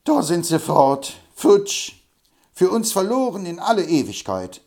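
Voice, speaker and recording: An excitable, boastful old frontiersman with a shrill, loud voice, as an audiobook reader puts him on. He jumps high in pitch and swings his voice around a lot. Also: normal speed. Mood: agitated. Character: excitable boastful older man, quick to anger. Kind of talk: audiobook reading.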